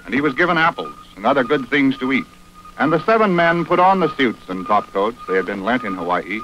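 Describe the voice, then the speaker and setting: A man's voice: medium pitch, highs cut off, background noise. A man narrating a 1950s newsreel in a declamatory announcer style, played from an old newsreel. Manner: declamatory, sweeping announcer delivery.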